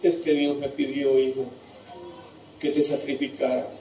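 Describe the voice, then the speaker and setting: A man voicing the old father Abraham, speaking to his son with gentle, sorrowful reassurance. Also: mid-range voice, flat delivery, measured pace, a little hiss or hum, voice pushed up, close to an everyday voice. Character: old father Abraham, grieving but devout. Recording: echoey room from far off.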